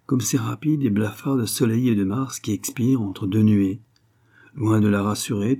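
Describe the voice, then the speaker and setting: A man narrates a classic novel in a low, husky voice. His tone is dark and mellow, and his reading is measured and expressive. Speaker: audiobook narrator. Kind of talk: literary narration.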